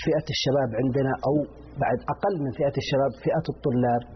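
A man's voice: mid-range voice, fairly even intonation, racing. A Saudi man, an educator, answering as a guest in a studio interview. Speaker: guest educator, former school principal. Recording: dull lo-fi audio, faint noise.

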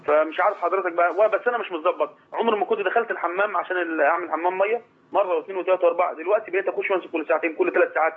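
Husky Egyptian man caller on phone. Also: high-pitched, rapid-fire. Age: 30s. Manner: hesitant, many fillers and restarts. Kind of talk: call-in phone conversation. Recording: tinny phone line.

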